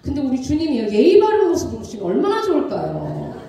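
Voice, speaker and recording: A pastor's wife in her thirties giving an animated testimony sermon, acting out the voices in her story. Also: high voice, fast, vocal fry. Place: church sanctuary. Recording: very echoey church from a distance.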